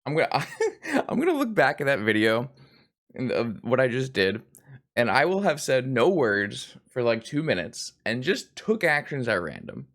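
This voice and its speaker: A man's voice: medium pitch, sing-song, moderate pace, fairly bright tone. A hungover man giving rambling, self-deprecating live commentary on a card game stream, swearing casually.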